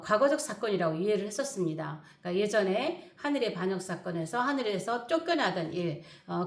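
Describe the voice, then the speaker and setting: A middle-aged woman pastor teaching the Bible in an emphatic preaching manner. She repeats key words for stress and pauses often with fillers. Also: medium pitch, echoey room.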